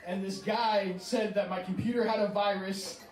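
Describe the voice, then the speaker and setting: A man's voice: high voice, fairly even intonation, moderate pace, natural voice. A comedian voicing a flustered elderly mother who rambles frantically. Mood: frantic. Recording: echoey room with a far-off mic and a laughing crowd.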